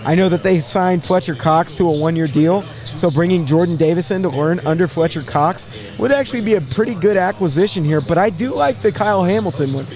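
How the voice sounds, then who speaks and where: A man hosting a casual live sports draft show, thinking aloud in a halting way and repeating words as he goes. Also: high voice, darkish tone.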